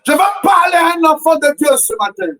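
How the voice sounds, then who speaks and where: A man preaching a sermon as a prophet, shouting repeated rhetorical questions in a half-sung cadence. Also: extremely high pitch, animated, brisk, far from the mic, low-quality recording. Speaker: prophet preaching a morning prayer.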